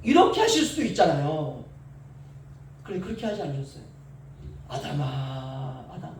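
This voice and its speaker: High-voiced man preaching in an echoey church. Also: sing-song, a little hiss or hum. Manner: swings between soft asides and loud drawn-out calls. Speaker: pastor. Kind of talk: sermon. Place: church sanctuary. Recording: echoey church, mic at a distance.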